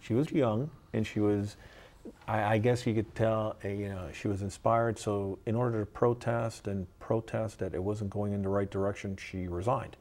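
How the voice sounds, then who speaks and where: A man being interviewed as a guest, talking in an earnest, halting way with frequent restarts. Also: on the low side, fairly even intonation, a little mellow. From United States. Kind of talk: casual interview chat.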